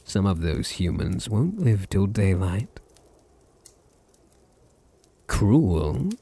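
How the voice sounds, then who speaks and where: Here the aristocratic vampire, voiced by a man in a low, unhurried British tone that is deep, husky and gravelly, comes across smug and cold. Heavily acted with big pitch swings, he purrs possessively and condescendingly, softly teasing his listener in an intimate ASMR roleplay.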